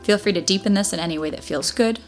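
A woman's voice: medium pitch, fast talker, faint music behind. A woman working as a Pilates instructor, guiding an exercise class with encouraging, step-by-step cues.

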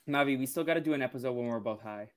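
Podcast co-host, male, loose rambling recapper, middle pitch. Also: rapid-fire. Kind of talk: casual podcast episode recap.

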